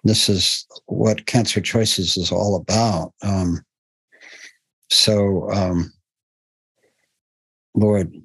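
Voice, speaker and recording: A man with a low, husky voice hosts a contemplative interview. He speaks slowly and gently, pausing often. The recording is dry and close. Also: steady tone, no echo, low-quality recording. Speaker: host.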